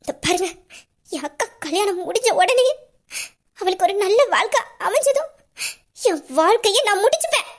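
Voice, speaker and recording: A despairing young heroine of an audio romance drama, voiced by a woman. Her voice sits very high, tearful yet defiant as she speaks. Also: animated, moderate pace, pauses often.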